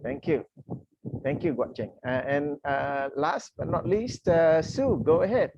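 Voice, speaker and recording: A man's voice: fairly high pitch, measured pace, creaky, darkish tone, breathy edge. Male coach hosting a video call, polite, filler-heavy delivery, muffled line. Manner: frequent "uh" fillers and restarts, courteous. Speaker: coach hosting an online session. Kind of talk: welcoming, explanatory talk with fillers. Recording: dull lo-fi video call audio.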